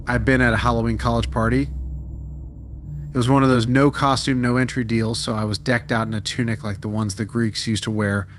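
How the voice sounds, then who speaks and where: A man giving a steady, dramatic scripted narration of a true-style horror story. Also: fairly low pitch, a little hiss or hum.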